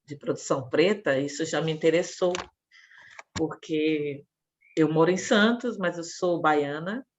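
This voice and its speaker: A woman from Salvador introduces herself on a video call. She talks slowly and warmly and laughs easily. The call audio is dull and muffled. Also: deep voice, a little hiss or hum. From Salvador, Bahia, Brazil. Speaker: meeting participant. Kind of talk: online meeting self-introduction. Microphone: computer or headset on video call.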